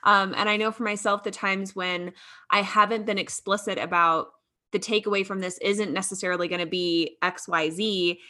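A woman hosting a casual podcast speaks in a bright, sharp tone. She talks chattily about her coaching, with halting starts and laughs slipped between phrases. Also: medium pitch, fairly even intonation.

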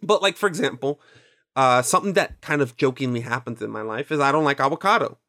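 This is a quick, pushed, bright male voice of medium pitch, belonging to a twenty-something native Spanish speaker of Mexican and Nicaraguan descent. He rambles through a casual podcast chat, cursing freely and voicing his own inner thoughts aloud.

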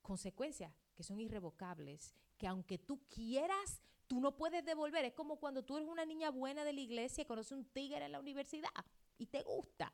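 A middle-aged woman pastor delivers a sermon in a high-sitting voice at a fairly quick pace, acting out quoted dialogue as she swings between loud outbursts and hushed asides.

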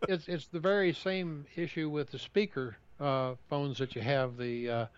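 A man co-hosting a casual tech chat who speaks haltingly and often restarts his sentences. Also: on the high side, steady tone, clean tone. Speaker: tech podcast co-host. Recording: dull, slightly muffled dry sound.

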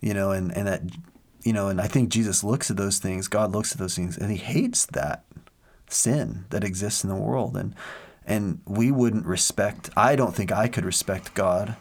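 An earnest man talks through matters of faith in a casual chat, with a fairly low voice. He wanders into stories, pausing on fillers and restarting his sentences as he goes. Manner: earnest, rambling storyteller with many fillers.

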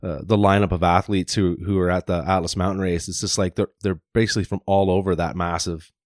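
A man hosting a casual interview, relaxed and agreeable, rambling a little. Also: low-pitched, quick pace, no echo, clean studio sound. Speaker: podcast host.

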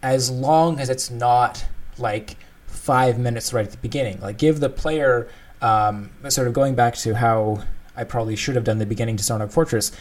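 A man with a medium-pitched, slightly mellow voice co-hosts a podcast about game design, explaining his thoughts in a thoughtful, conversational way during a casual discussion.

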